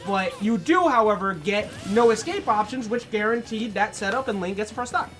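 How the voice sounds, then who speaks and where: A young man calls gaming matches in casual, joking commentary. His tone is bright and sharp. Faint music plays behind him. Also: high voice, lively intonation, a little fast. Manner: joking, laughs often. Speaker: esports commentator.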